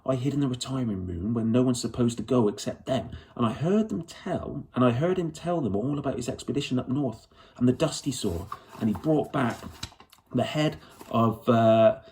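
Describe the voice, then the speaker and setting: A man with a darkish, mid-range voice does a lightly acted turn as a fierce, stubborn young girl in a children's storybook. He sounds earnest and eager, rambling breathlessly in ungrammatical colloquial speech.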